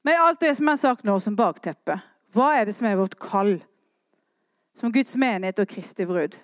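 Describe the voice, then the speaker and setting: A woman preaching a sermon, swinging between quiet earnest talk and impassioned rising calls. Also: mid-range voice, animated, no room sound, clean studio sound.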